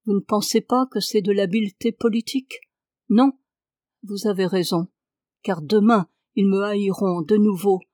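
Gentle, grave clairvoyant lord, read by a woman. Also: mid-range voice, steady tone, moderate pace, dry recording, clean studio sound, close to an everyday voice. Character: calm, sorrowful clairvoyant English lord, adult man.

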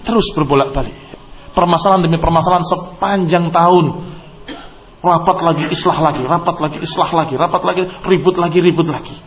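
A man preaching a religious lecture, emphatic and rising to forceful exclamations, tagging his points with short interjections. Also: fairly high pitch, fairly quick. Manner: peppers speech with short "ya" and "hei" tags. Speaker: Islamic preacher. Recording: dull lo-fi lecture recording with faint noise.

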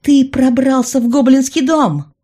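A woman voicing a hot-tempered, sharp-tongued young witch who snaps back indignantly. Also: high-pitched, fairly even intonation, measured pace, breathy edge, pitched above the performer's own voice.

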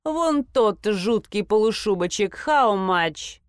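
A woman's voice: mid-range voice, animated, slow pace, clear, resonant tone, no echo, studio quality. A woman voicing a bossy, brash young woman who haggles hard, talking curtly, coldly and commandingly. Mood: haughty. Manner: curt, cold and commanding.

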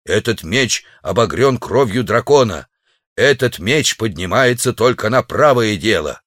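A brash, self-assured savage, as a male reader plays him speaks in slow, declaiming tones with lively swings of pitch. The voice is recorded close and dry. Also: dry recording. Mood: defiant. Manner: cocky and declaiming. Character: naked, bold sword-wielding savage man.

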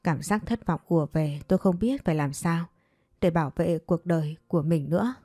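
A woman narrating a first-person story in a steady, dramatic manner. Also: lowish voice, brisk, no room sound, studio quality.

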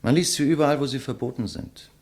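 In the manner of a 1950s German radio play, a man voices a condemned writer with measured eloquence, staying composed and bitterly ironic. His voice is medium-pitched, darkish and natural, and his mood dry and composed.

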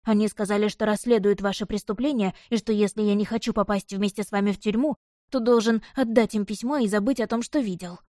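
A woman's voice: medium pitch, steady tone, quick pace, warm tone, no echo, studio quality, natural voice. A woman reading an audiobook voices a thin, frightened male footman who stammers and begs his master for mercy. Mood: fearful pleading. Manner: pleading, stammering, fearful.

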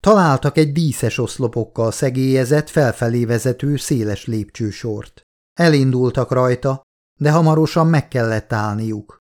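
A man reading an audiobook aloud, narrating in a measured, dramatic storytelling manner. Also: mid-range voice, darkish tone. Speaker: audiobook reader. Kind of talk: scripted narration.

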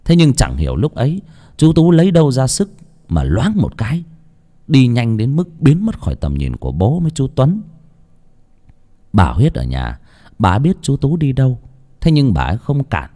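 A man's voice: moderate pace, long pauses. A man narrating a horror story for an audiobook, telling it expressively. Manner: expressive storytelling with wide swings in pitch. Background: faint music.

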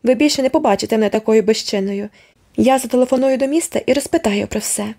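A woman's voice: on the high side, quick pace, warm tone. A woman reading the part of an earnest young woman in a storybook, speaking with breathless passion. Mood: defiant. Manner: impassioned, breathless.

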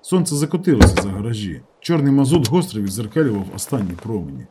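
A man reading a novel aloud as a steady first-person narrator. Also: fairly low pitch, fast talker, a little hiss or hum. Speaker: audiobook narrator.

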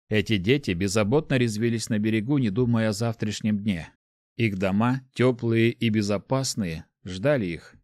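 A man narrating an audiobook in a calm, measured reading. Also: lowish voice, no room sound, studio quality.

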